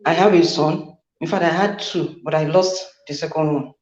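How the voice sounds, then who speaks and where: A woman caller from Nigeria talking on speakerphone from work, telling her story in a halting, hesitant way. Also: low voice, steady tone, a little mellow. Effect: on speakerphone, echoing. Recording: echoey, muffled phone line.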